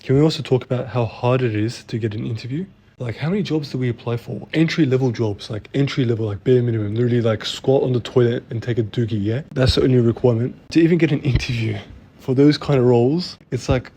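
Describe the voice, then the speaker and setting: A young man chatting casually as co-host, telling stories in slangy, animated talk. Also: mid-range voice, quick pace, breathy edge. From Australia. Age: young adult. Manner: slangy, animated storytelling with lots of "bro" and "like". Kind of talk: casual chat.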